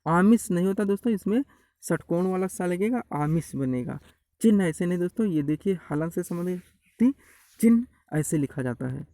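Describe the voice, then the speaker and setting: Male exam-prep teacher, fairly high voice with a mellow tone, repetitive drilling delivery, dry close recording, birds faintly behind. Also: no room sound, poor audio. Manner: repeats corrections, addresses viewers as friends. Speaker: Hindi spelling teacher. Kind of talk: online exam-prep lecture.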